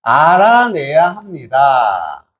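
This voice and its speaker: Guy teaching english, high lively voice, asks himself stuff and answers, drags out english words. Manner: lively, asks and answers his own questions; drawls English words very slowly. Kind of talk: lecture.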